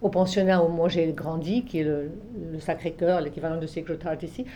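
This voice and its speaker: In a low, dark and mellow voice with fairly even intonation, an older literary translator from Egypt reminisces at a brisk pace, with slight background noise. Arabic and French are both her native languages. Her recollection is relaxed and reflective, full of restarts, repetitions, returns to earlier thoughts and gently trailing phrases.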